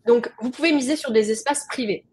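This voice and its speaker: Husky-voiced woman presenting a webinar. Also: on the high side, fairly quick, darkish tone. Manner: conversational, explanatory, addresses the audience directly.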